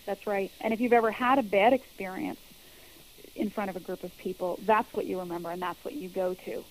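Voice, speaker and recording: An earnest woman speaks as a public speaking coach, laying out her method step by step. She explains patiently and comes back to her key phrases to drive them home. Her voice sits at an ordinary middle pitch. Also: fairly even intonation, a little fast, a little hiss or hum, rough recording. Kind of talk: interview answers.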